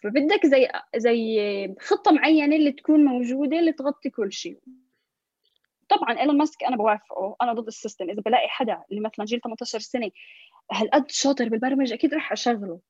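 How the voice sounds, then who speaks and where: A young woman with a Levantine Arabic accent is a guest on a podcast, chatting in interview style and slipping in English words while often restarting her phrases. She talks at a racing pace in a fairly high, darkish voice. The recording is dry and muffled.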